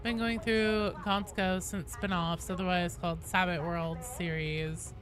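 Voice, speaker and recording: During a game livestream, a woman reads out and answers viewer chat in a lowish, fairly even, unhurried voice. The chat is casual, and she swears freely and responds playfully.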